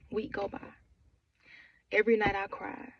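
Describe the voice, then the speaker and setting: A woman's voice: medium pitch, muffled recording. A woman in her twenties telling her own grief story in a raw, conversational way, repeating herself and filling with "like". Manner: raw, repetitive, conversational with many "like" fillers. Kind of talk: emotional personal storytelling.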